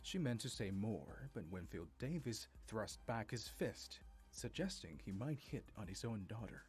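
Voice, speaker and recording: A man telling a dramatic family story as narrator, with a steady storytelling delivery. His voice sits on the low side, and his pitch moves in lively arcs to carry the tension. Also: unhurried, faint music behind.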